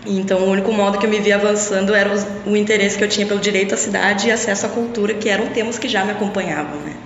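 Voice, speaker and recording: A woman's voice: medium pitch, a little hiss or hum. Young woman guest in an echoey room. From Brazil. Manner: reflective, with frequent tag questions. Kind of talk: casual interview talk. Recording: echoey long-reverb lo-fi room.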